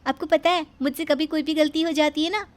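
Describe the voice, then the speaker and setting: A naive, soft-hearted young daughter-in-law, voiced by a woman in an animated story. Her voice sits very high and she pleads through sobs. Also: fairly quick, background noise, lightly acted. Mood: chatty.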